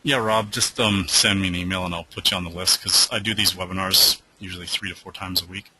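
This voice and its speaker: A man's voice: deep voice, steady tone, fast, bright, forceful tone, slight background noise, rough recording. A man hosting a live trading webinar who answers viewer questions in a loose, rambling way with lots of fillers, and who is losing his voice.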